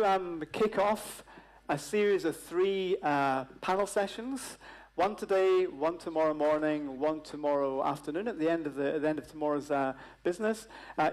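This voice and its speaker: A man's voice: on the high side, low-quality recording. A man in his fifties moderating a live panel on a conference stage, chatty, with many fillers and joking asides. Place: large stage at a conference hall.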